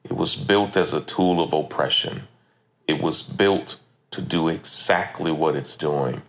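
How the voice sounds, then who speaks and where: Direction Low, gravelly American man, emphatic. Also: measured pace, a bit bright. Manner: emphatic, repeats phrases for stress. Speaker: podcast host. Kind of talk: impassioned spoken commentary, informal. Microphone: phone voice memo. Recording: rough phone voice-memo audio.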